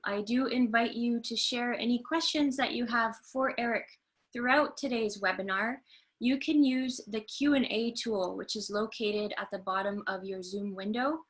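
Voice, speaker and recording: A woman's voice: a little high, a bit bright. Canadian-born woman hosting a webinar. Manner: polite, frequent um fillers. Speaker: host and trainer. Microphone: video call.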